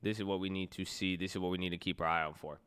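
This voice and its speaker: A man giving excited, slangy live-stream commentary on the stock market, swearing as he goes. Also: deep voice, very fast, clean tone.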